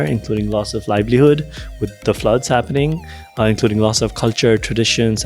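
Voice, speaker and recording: A man's voice: on the low side, darkish tone. A young man from Nepal, giving thoughtful, hedging interview answers full of "like" and "um". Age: young adult. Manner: thoughtful, hedging, many "like" and "um" fillers. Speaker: interview guest, researcher.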